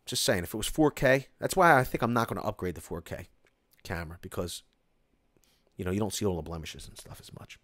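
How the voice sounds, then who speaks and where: A man reads out viewer comments during a home live stream, talking a little fast in a low voice. He's chatty and excitable, wandering off topic, restarting sentences and leaning on "like." The close-miked recording is dry.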